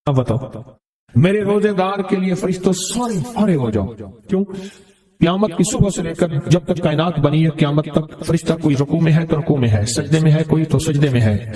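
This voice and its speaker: A man's voice: on the high side, warm tone. A man preaching a sermon, telling a story and repeating phrases for emphasis. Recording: roomy echo.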